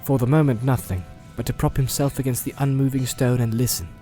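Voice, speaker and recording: Mellow male audiobook narrator. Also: medium pitch, fairly even intonation, faint music behind. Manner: measured storytelling. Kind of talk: scripted narration.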